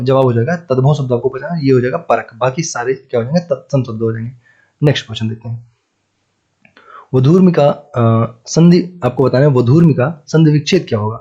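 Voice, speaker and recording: Man, north Indian accent, teacher, repeats answers, quizzes listener, husky, dull lo-fi recording. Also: medium pitch, warm tone. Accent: Hindi, north Indian. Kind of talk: exam-prep lesson.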